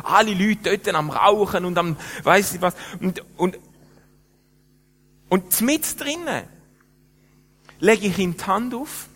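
A middle-aged man with a Swiss German accent tells a story from the pulpit, rambling and restarting with many fillers. His voice is high for a man. A long reverb from a large hall trails each phrase. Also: lively intonation, slow pace, long pauses, fairly bright tone. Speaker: pastor. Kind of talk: storytelling sermon.

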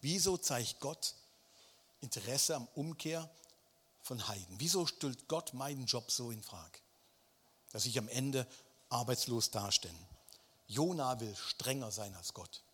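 A man's voice: medium pitch, expressive, a little slow, long pauses, fairly bright tone, husky. A man preaching a sermon, speaking emphatically and turning often to address his listeners directly. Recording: long hall reverb.

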